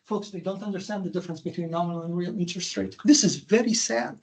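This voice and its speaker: A man from Jordan with a Jordanian accent giving a classroom lecture, animated and emphatic, firing questions at his students. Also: sits high, fast talker. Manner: animated, emphatic, quizzing the audience with rhetorical questions. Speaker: university lecturer.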